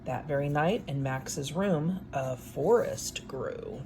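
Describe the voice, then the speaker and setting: A woman reading a picture book aloud in an expressive, unhurried way, with wry, casual asides. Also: low voice, noisy background.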